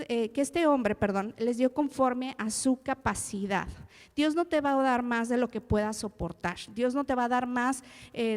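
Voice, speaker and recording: A woman delivers a sermon in a warm, chatty preaching style, turning to her listeners with questions. Her voice is slightly high. A long reverb trails every phrase, as in a large hall. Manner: conversational, addresses listeners directly with tag questions.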